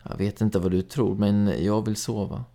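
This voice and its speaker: A man's voice: on the low side, little pitch movement, warm tone, natural voice. A man voicing a blunt, teasing older brother, a boy.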